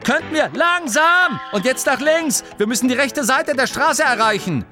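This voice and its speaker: A man voicing a literal-minded male gnome signaller who talks in a high, plaintive, fussy way. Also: moderate pace, music in the background. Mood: fretful.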